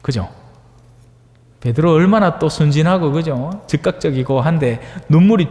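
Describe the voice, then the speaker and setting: Lively priest preaching in a hall. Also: male voice, a little high, moderate pace. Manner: conversational, asks the audience for agreement; acts out voices in dialect-tinged asides. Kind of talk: homily on the Gospel.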